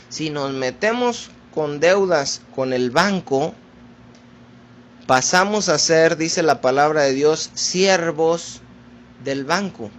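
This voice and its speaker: A man preaching a sermon, addressing his listeners as brothers in a slow, deliberate teaching manner. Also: fairly high pitch, fairly bright tone.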